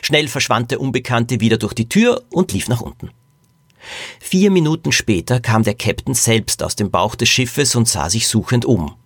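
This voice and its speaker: A man hosting a podcast, reading a children's mystery aloud and addressing his listeners in a lively storytelling manner. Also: mid-range voice, normal speed, breathy edge, no echo.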